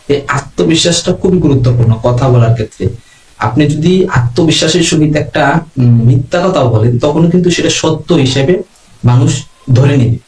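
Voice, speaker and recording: A Bangladeshi man with a mid-range voice teaches communication skills in an online class. He gives calm, measured instruction, offering numbered tips one after another. The recording has a roomy echo.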